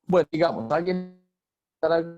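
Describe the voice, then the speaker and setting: A man's voice: fairly high pitch, lively intonation, normal speed, warm tone, faint music behind. A male pastor teaching an online class, his voice breaking up over a bad internet connection as he keeps asking if he is heard. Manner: keeps checking whether he is heard. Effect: choppy, breaking-up internet call audio. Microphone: video call. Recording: dull lo-fi online call.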